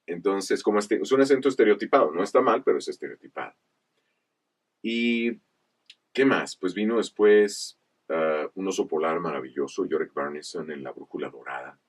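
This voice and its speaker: Low-pitched and a little rough, this man is a voice actor guest from Chihuahua, northern Mexico, recounting career stories in a casual interview. He explains things in a measured way with animated asides. His voice sits slightly away from the microphone.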